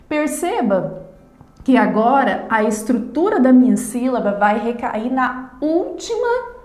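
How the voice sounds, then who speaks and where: A Brazilian woman teacher talks through a grammar lesson at an unhurried pace. She pauses to stress each example word as she explains it. Her voice rings in a roomy, echoey space. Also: fairly high pitch, a little mellow. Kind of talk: recorded online grammar lesson.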